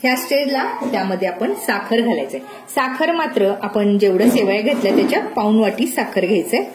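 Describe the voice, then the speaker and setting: A woman hosting a cooking channel, calmly walking through a recipe step by step in a home kitchen. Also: medium pitch, a little fast. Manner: calm, step-by-step instructive. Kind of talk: recipe narration. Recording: echoey kitchen, faint noise.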